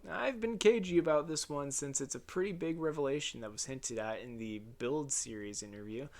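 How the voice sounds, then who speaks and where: A man reads through his own video essay script in a raw, unedited take. His voice sits at an ordinary middle pitch. He keeps it casual and wry, swears now and then, and simply starts a sentence over when he flubs it. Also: brisk, a little mellow. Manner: casual, wry, swears, restarts flubbed lines.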